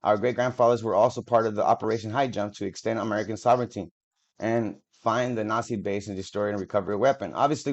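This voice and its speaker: Man stumbling through a read-aloud. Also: fairly low pitch. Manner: halting reading, stumbles and restarts over words, swears in offhand asides. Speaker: video creator. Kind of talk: reading documents aloud with casual asides. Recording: dull lo-fi audio.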